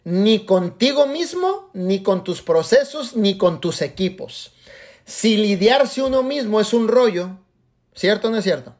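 A man in his forties giving an animated motivational talk to his team over a video call, blessing his listeners. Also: high voice, unhurried. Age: 40s. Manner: animated, acts out quoted voices, blesses listeners. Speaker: motivational business speaker.

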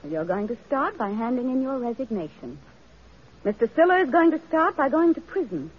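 This time the reformer is voiced high-pitched with big pitch swings, brisk and husky, a full character voice. Righteous and firm, she makes earnest declarations, heard through muffled old radio audio with music underneath.

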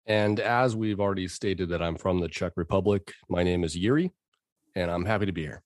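Low male co-host, dry close mic, jokey and profane. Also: fairly quick, no echo. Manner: joking, swears freely. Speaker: podcast co-host. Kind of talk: casual chat.

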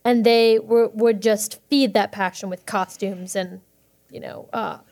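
A young woman chatting as a podcast guest, bubbly and quick, with many fillers and restarts. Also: mid-range voice, steady tone, gravelly, a little mellow. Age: young adult. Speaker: guest actor. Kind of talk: casual podcast chat.

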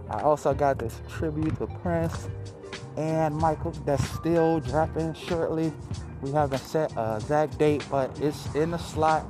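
A man hosting a casual motivational podcast, swearing and repeating himself for emphasis, his speech slightly muffled by a face mask. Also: on the high side. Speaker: podcast host. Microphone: close podcast mic, spoken through a mask. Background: music.

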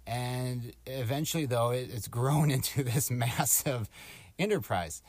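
A man chats as a podcast co-host in a dry, tight space. His talk is informal and musing, wandering from thought to thought at a middling pitch. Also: a little slow, a little mellow, no room sound. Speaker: podcast co-host giving astrology forecasts. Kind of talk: casual podcast chat. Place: small closet at home, door slightly open.

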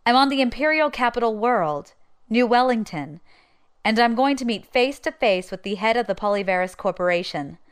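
A woman's voice: a little high, expressive, normal speed, clear, resonant tone, lightly acted. A woman playing a bold pirate informant. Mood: determined. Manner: wry, determined. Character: bold young woman pirate informant, nervous but determined. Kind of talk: journal narration in audio drama.

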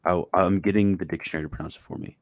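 A man's voice: low-pitched, steady tone, very fast, no room sound. A man hosting a casual livestream chat on a video call, thinking aloud with frequent restarts. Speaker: host.

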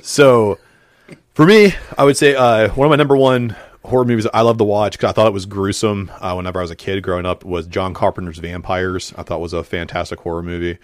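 A man's voice: low voice, fairly even intonation, fast, dry recording, studio quality. A man hosting a casual podcast chat, talking animatedly with frequent fillers and laughs. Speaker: podcast host.

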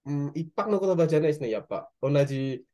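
Man, Japanese, mellow tone, animated pitch, hesitant fillers. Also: fast talker. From Indonesia. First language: Indonesian. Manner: speaks Japanese as a second language with hesitant fillers and self-corrections. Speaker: guest, nurse. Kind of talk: casual interview chat.

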